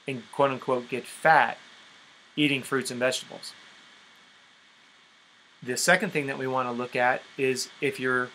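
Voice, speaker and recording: An endurance sports coach leads a conference call, giving a direct, emphatic instructional talk that leans on rhetorical questions. His mid-range voice is bright and forceful, and the low-quality recording has slight background noise.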